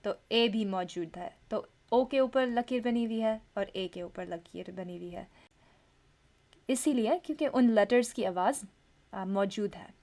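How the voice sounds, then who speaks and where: A woman teaching English vowel sounds, slowly repeating each sound and example word. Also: mid-range voice, darkish tone. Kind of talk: pronunciation lesson.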